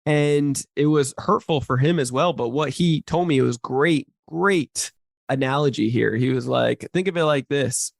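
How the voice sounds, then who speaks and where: A man's voice: mid-range voice, unhurried, gravelly, no room sound, studio quality. A man hosting a podcast, delivering an earnest, emphatic motivational monologue full of "like"s. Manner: earnest, emphatic, many filler "like"s. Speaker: podcast host.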